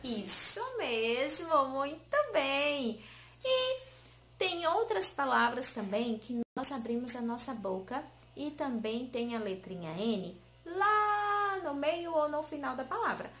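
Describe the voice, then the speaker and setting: A woman teacher giving a lesson to small children, in a sing-song way, stretching key words slowly and coaxing answers with questions. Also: high voice, lively intonation, a bit bright. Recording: roomy echo.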